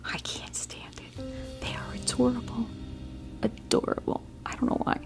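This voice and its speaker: Music plays in the background as a woman hosts an ASMR unboxing of a doll, talking gently and casually to camera and lingering lovingly over small details.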